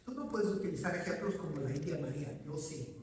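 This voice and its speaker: A man's voice: a little high, expressive, brisk, a crowd in the background. A man from Ecuador preaching a sermon in a church, addressing listeners directly and answering his own questions. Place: church sanctuary. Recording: echoey hall, voice from far off.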